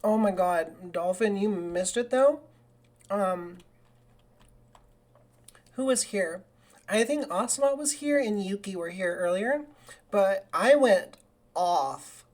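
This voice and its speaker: A woman streaming a game live, chatting casually in a rambling way and breaking into excited cheers. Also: mid-range voice, slow, long pauses. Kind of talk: casual live gaming commentary.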